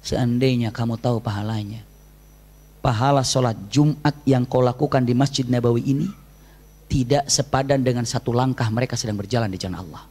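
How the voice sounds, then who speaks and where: A man preaching, voicing a calm, wise male prophet in a slow, low, solemn recitation. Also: lightly acted.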